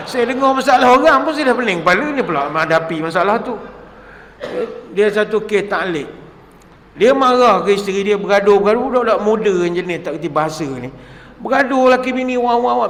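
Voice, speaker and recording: A man preaching a humorous lecture in a mosque with a Malaysian Malay accent, animated and jokey, acting out quarrels. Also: high voice, a little hiss or hum. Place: mosque hall. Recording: echoey hall with long reverb.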